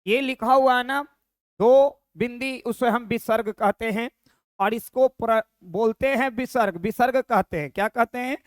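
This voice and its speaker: A man's voice: very high voice, measured pace, no room sound, clean studio sound. A man teaching Sanskrit grammar in a recorded online lesson, repeating each form and quizzing the viewer.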